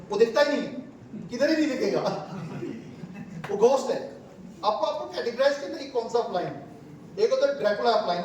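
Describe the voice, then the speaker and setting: A man giving a lively, storytelling talk to an audience at a seminar, acting out callers' voices as he goes. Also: high-pitched. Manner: storytelling, acts out callers' voices, laughs often. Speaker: speaker at a crypto seminar. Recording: echoey hall from far off, faint noise.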